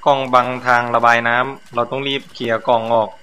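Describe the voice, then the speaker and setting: A male gameplay host playing a horror game, loud and jokey, swearing and shouting at the characters on screen. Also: mid-range voice, little pitch movement, fast, a little hiss or hum.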